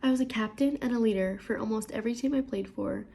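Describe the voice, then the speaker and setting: A bubbly, energetic woman of twenty-one introducing herself for a job, her voice a little stuffy from a cold. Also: fairly high pitch, fast talker, gravelly, slight background noise. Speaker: job applicant. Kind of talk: upbeat self-introduction video.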